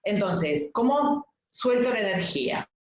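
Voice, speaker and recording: A middle-aged woman coach with an Argentine accent, teaching a webinar in a lively, anecdotal way and often asking "¿sí?" to check in with her listeners. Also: medium pitch, unhurried, a little hiss or hum. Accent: Argentine Spanish. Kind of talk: webinar lesson. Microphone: video call mic. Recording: echoey room, dull lo-fi sound.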